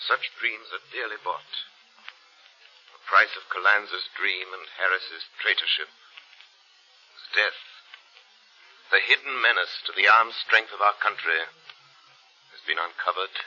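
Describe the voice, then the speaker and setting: An actor playing an ominous, commanding invisible detective in an old AM radio drama, with theatrical formal diction. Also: male voice, deep voice, takes it slowly, pauses often, bright, forceful tone, a little hiss or hum, exaggerated voice. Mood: grave. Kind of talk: 1940s radio drama acting. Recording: dull vintage AM radio recording.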